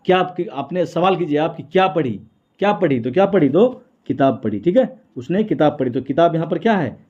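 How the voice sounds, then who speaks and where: A man's voice: fairly high pitch, expressive, fairly quick, darkish tone. A man teaching a Hindi exam prep lesson. He asks questions and answers them himself, repeating each point. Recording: tinny phone-like sound.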